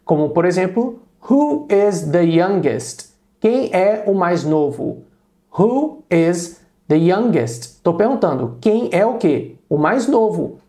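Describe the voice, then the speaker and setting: A man with a Brazilian Portuguese accent gives a patient English grammar lesson. He repeats points, asks rhetorical questions and slowly sounds out the English examples. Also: high voice, warm tone. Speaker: English teacher.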